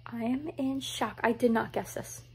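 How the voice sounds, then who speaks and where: A woman's voice: a little high, fairly even intonation, normal speed, creaky, a little mellow, a little hiss or hum. A young woman vlogger chatting casually about books, recorded on her phone's camera and peppering her talk with "like". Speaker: book vlogger. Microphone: phone camera instead of her usual camera.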